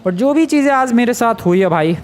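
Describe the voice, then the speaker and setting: A young man giving casual, excitable commentary over a video game, his voice jumping up when he gets scared. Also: very high voice, brisk. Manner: excitable, yelps and rises sharply when scared. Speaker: gaming YouTuber.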